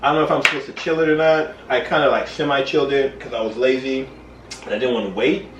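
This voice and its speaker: A man's voice: mid-range voice, fairly even intonation, fast, muffled recording, noisy background. A tipsy man hosting a home cooking video, chatting casually and loosely, rambling and losing his train of thought. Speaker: home cooking show host. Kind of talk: casual chat to camera while cooking. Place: home kitchen. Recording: roomy echo, distant mic, music behind.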